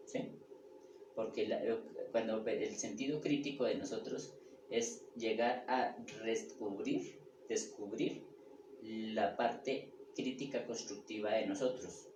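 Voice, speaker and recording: A man giving a spiritual lecture, often checking in with the listeners and repeating his phrases. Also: lowish voice. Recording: echoey room with background noise.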